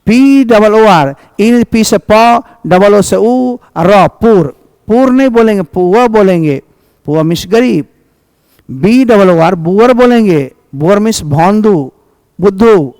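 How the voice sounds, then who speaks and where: Man, Indian English accent, English teacher, slow and deliberate, high voice, Hindi-English mix. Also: expressive, darkish tone, no room sound. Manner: drawn-out spelled examples, mixing Hindi and English. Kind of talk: classroom lesson on pronunciation.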